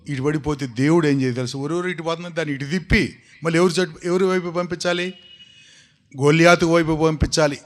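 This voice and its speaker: A man preaching a sermon, telling a story with animation and calling out questions to his congregation. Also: on the high side. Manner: animated storytelling, asks the congregation questions and urges them to shout.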